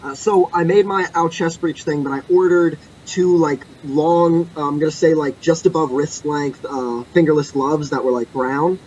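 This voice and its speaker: A man's voice: a little high, steady tone, normal speed, hardly any pauses, darkish tone. Young male podcast co-host, casual, rambling storyteller, lo-fi mic with faint noise. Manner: rambling, self-correcting storyteller.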